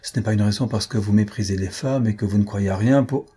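A man's voice: lowish voice, fast talker, mellow, slightly rough. Man voicing a prim, touchy little marquise. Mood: indignant. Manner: prim, indignant.

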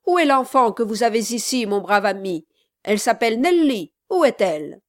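An agitated gentleman hunting for a lost child, as a woman reader puts him on, pushing his words out loud and urgent in a slow, measured delivery. The audiobook voice sits fairly high and close, with a dry, dead recording. He pleads and demands in turn. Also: no room sound. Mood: indignant. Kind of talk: audiobook character reading.

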